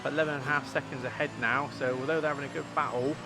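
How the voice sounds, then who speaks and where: A man's voice: mid-range voice, fairly even intonation, racing. A man hosting a livestream with casual, chatty motorsport commentary on a sim race. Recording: clear engine noise behind voice.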